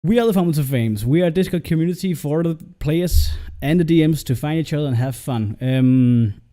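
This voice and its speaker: Mellow-voiced swearing game master. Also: male voice, on the high side, fairly quick. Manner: loose, swearing, laughs often. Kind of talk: casual stream intro.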